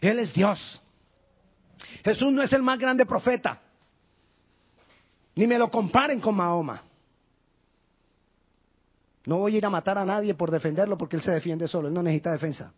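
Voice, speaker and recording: A male pastor preaching a sermon with passion, rising to shouts and dropping to near whispers. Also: moderate pace, pauses often, slightly rough. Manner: impassioned, shouting in bursts then dropping low. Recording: dull lo-fi sound.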